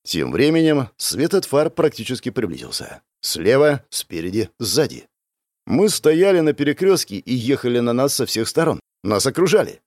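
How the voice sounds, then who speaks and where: A man's voice: medium pitch, sing-song, moderate pace, a little mellow, no room sound, clean studio sound. A man narrating a first-person fantasy audiobook in a tense, dramatic way.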